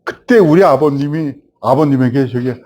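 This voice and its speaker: A man in his seventies, a film director, telling a host stories from his past and growing animated as he recalls it. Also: medium pitch, moderate pace. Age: 70s. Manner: animated storyteller, rising when recalling the past. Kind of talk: reminiscing storytelling.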